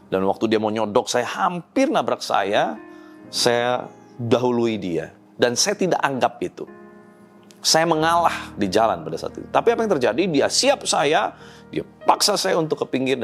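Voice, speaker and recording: A man preaching a daily devotional sermon, speaking earnestly and personally to his listeners. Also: mid-range voice. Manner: animated delivery with swelling emphasis. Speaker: pastor.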